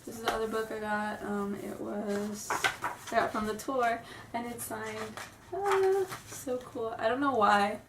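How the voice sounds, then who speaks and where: Heavy background noise surrounds an unhurried, fairly high-pitched young woman who sounds stuffy from a cold. She chats nervously in a casual home vlog, rambling, apologizing, and giggling, picked up by a distant home camera in a roomy space.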